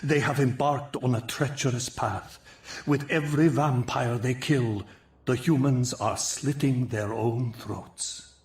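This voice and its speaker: A man playing an ancient, gentle, sorrowful winged vampire guardian in a video game, speaking in solemn, formal, archaic phrases. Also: mid-range voice, slow pace. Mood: grave lament. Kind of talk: dramatic video game voice acting. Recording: echoey, music underneath.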